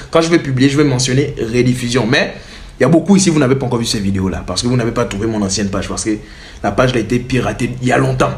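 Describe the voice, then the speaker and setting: A young man telling a funny personal story in a casual vlog, animated and laughing often. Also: medium pitch.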